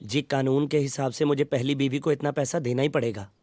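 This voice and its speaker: A man's voice: mid-range voice, fairly even intonation, a little fast, a little mellow, dry recording, lightly acted. An actor playing an exasperated young man, bickering with his ex-wife, in a film comedy. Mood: explaining. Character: harried young husband stuck paying alimony.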